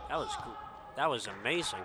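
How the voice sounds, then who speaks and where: A man's voice: medium pitch, wildly swooping pitch, brisk, a loud crowd. A man giving easygoing, conversational color commentary on a basketball game. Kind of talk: relaxed sports analysis. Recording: noisy gym background.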